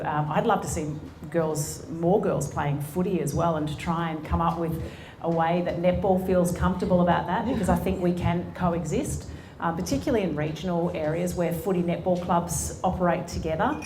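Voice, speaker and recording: A low-voiced Australian woman in her forties talks earnestly on stage, with frequent ums and restarts as she answers. Her voice carries an echo from the event room, with a faint hiss under it. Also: normal speed, hardly any pauses, darkish tone. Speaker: sports executive and guest speaker. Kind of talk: on-stage conversation. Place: conference room before an audience.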